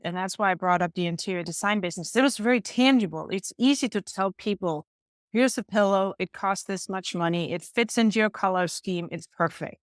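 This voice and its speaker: In conversational interview answers, a middle-aged woman from Denmark describes her coaching work with earnest emphasis. She has a lowish voice, and the recording is studio quality without echo.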